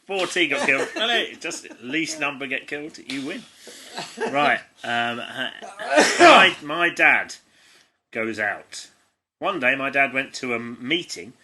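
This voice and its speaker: This English man co-hosts a comedy podcast and here reads out a child's stories, stumbling and laughing, often stopping to comment. His mid-range voice is expressive, bright and forceful, with a measured pace.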